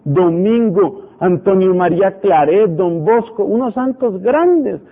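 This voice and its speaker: A priest delivers a fervent radio sermon in a high, husky voice. The sound is thin and phone-like, as on an old broadcast. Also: male voice, expressive, slow. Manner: fervent preaching with dramatic quoted prayers.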